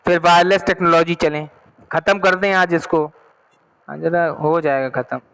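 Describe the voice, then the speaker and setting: High-voiced male teacher explaining slowly. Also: steady tone, a bit bright, clear, resonant tone, rough recording. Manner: explains slowly, reads English text then repeats in Hindi; checks understanding often. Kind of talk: online class lesson.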